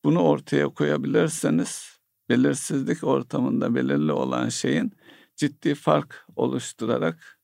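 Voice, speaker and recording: A man giving economic commentary in a hesitant, analytical way, pausing often with filler sounds. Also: medium pitch, very animated, vocal fry, darkish tone, no room sound, studio quality. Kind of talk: analytical discussion.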